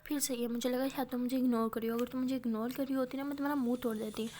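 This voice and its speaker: A woman's voice: fairly high pitch, fairly even intonation, very fast, mellow, slight background noise, lightly acted. A woman voicing a bold young college woman who talks bluntly and teases. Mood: firm. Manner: teasing, blunt.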